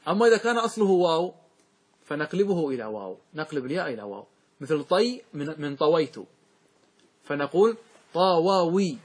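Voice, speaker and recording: A middle-aged male scholar leads a grammar lesson in a somewhat high, husky voice. He keeps quizzing his students and repeats example words, drawing them out slowly. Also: very animated. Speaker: religious scholar teaching grammar. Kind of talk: classroom lesson with questions to students.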